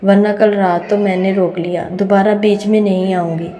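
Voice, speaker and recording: A woman's voice: mid-range voice, little pitch movement, moderate pace, warm tone, a little hiss or hum, lightly acted. A woman reading as a stern courtesan madam. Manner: firm, restrained. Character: proud, sharp-tongued courtesan madam. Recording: reverberant room.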